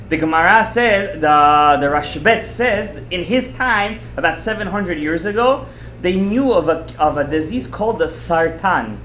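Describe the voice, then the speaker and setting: A man teaching a Torah class as a rabbi, animated and emphatic, repeating phrases, asking rhetorical questions and dropping in Hebrew terms. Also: sits high, echoey room, slight background noise. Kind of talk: animated religious lecture to students.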